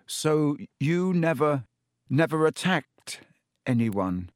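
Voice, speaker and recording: Brief: a teenage boy wizard, scared but brave, urgent and high-pitched, as a male narrator plays him. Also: sing-song, takes it slowly, dry recording, clean studio sound. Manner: urgent and pressing.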